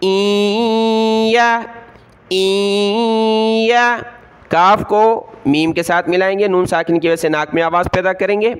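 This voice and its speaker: A man teaching Quran reading word by word. He chants each word slowly and spells out its letters and vowel marks, then explains quickly. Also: sits high, steady tone, smooth. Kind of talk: word-by-word recitation lesson.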